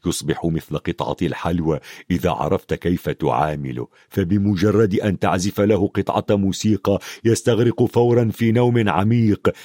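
A big, gruff and good-natured man rumbles along in a deep, hesitant voice, as a male narrator puts him on. The tone sits well below the storyteller's own, close and dry. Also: normal speed, mellow, dry recording. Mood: sheepish.

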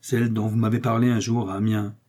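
A man's voice: fairly low pitch, flat delivery, fast talker, mellow, close to an everyday voice. A man voicing an agitated, earnest young swordsman in a read-aloud novel, speaking urgently and emphatically.

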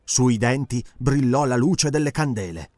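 A male audiobook narrator telling an adventure story with lively, animated delivery. His pitch sits in the middle and rises and falls widely to build the action. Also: a little slow, no echo, studio quality.

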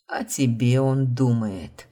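A woman reading the lines of a young man, the heroine's blond brother, in a calm, guilty, soft-spoken way. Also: rumbling low, takes it slowly. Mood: hushed.

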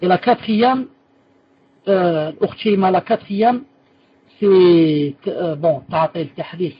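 A man's voice: high-pitched, slow, breathy edge, dry recording, dull audio. A man teaching a religious lesson and answering students' questions, patiently repeating key terms and correcting himself as he explains.

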